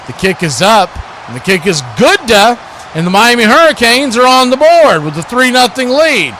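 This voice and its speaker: A man with a very high voice and wide pitch swings hosts a sports watch party stream, calling live football play-by-play at a moderate pace in a sharp tone. He often rephrases as the action develops, with crowd noise in the background.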